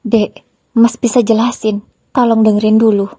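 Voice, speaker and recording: A woman reading the part of a guilty young husband, pleading softly and apologetically with his wife in a spoken story. The voice is mellow and a little breathy, recorded close and dry. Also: on the high side, flat delivery, moderate pace, no room sound.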